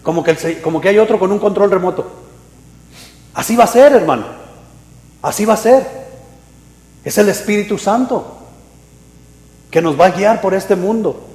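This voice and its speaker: A man, a pastor preaching a sermon, animated and swinging between loud and hushed. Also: high-pitched, moderate pace, long pauses. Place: church hall. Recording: echoey hall reverb.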